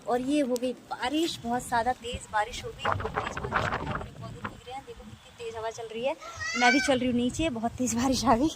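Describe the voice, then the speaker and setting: A woman's voice: a little high, brisk, heavy background noise. A woman vlogging casually from a rooftop, chatting and repeating herself, recorded on a phone with no microphone. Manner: chatty, repeats phrases, frequent tag questions. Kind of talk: casual vlog chat. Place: rooftop outdoors, wind and rain. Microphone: phone camera, no external mic.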